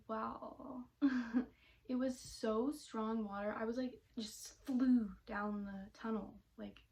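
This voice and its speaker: Young woman, vlogger, casual storytime, rambling, slightly high voice. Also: darkish tone. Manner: chatty, rambling, many fillers.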